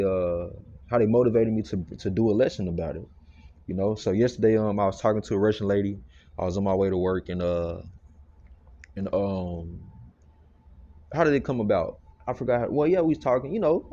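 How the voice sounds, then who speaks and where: A man's voice: fairly low pitch, mellow. A man giving a casual, rambling scripture lesson full of fillers. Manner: loose, rambling, many fillers. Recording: dull lo-fi recording with hum. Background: freezer motor hum.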